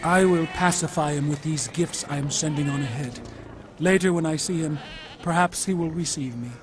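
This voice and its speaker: A man acting Jacob, an earnest, higher-voiced patriarch. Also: moderate pace, noisy background, natural voice. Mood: careful, commanding. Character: Jacob, anxious humble herdsman patriarch pleading and commanding. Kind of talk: Bible audio drama acting. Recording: music behind the voice.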